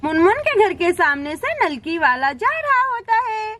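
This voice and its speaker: Woman telling a doll story, real high voice, just explaining whats going on. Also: big pitch swings, a little slow, a bit bright, a little hiss or hum. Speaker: storyteller and doll-play narrator. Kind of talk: storybook narration with doll play.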